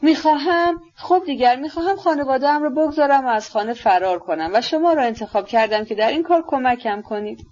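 A woman's voice: high voice, lively intonation, few pauses, darkish tone. A woman voicing a proud, impulsive young woman who speaks with passionate, defiant emphasis, in a dull lo-fi recording. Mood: fervent, defiant.

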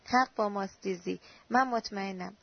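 A woman's voice: medium pitch, vocal fry, slightly rough. Woman voicing an anxious lonely man, earnest and pleading, storybook reading, dull lo-fi sound. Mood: insistent. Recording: dull lo-fi recording.

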